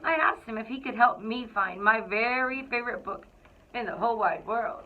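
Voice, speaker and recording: A woman reading a children's picture book aloud to school students in an expressive, deliberate storytelling way. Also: fairly high pitch. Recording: thin, phone-like narrow-band sound.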